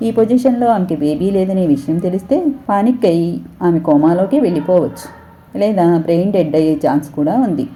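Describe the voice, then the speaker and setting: A woman reading the lines of a female hospital doctor, measured and explanatory. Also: on the low side, dark tone, slight background noise, lightly acted. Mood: calm.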